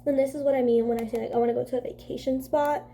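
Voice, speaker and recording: A woman's voice: fairly high pitch, steady tone, rapid-fire, vocal fry, dark tone. A young woman with a stuffy, congested voice chatting casually through a makeup vlog, rambling with constant fillers. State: congested from a cold. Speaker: beauty vlogger.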